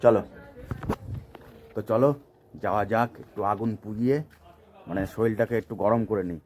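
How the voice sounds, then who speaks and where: Hoarse man chatting to his viewers. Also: on the low side, steady tone, moderate pace, a little mellow, soft background music. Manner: chatty, addresses viewers directly as friends. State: hoarse from a cold. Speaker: vlogger. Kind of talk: casual vlog chat. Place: outdoors by a bonfire on a cold day.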